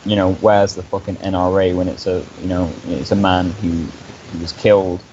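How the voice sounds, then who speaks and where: Deep-voiced young man, dull lo-fi mic. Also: little pitch movement, moderate pace, background noise. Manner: earnest, profane, stammering restarts. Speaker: co-host. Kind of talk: casual chat on a live stream.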